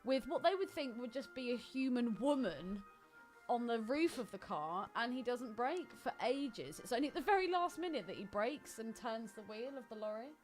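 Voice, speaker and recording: With music in the background, a podcast co-host from Britain chats informally and colourfully about films, swearing freely. She speaks a little high at a moderate pace, her intonation lively.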